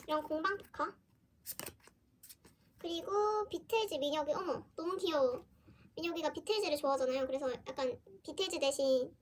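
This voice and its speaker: A woman chatting casually through an unboxing for her fan vlog, often exclaiming softly as she goes. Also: sits high, slight background noise. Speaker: fan vlogger.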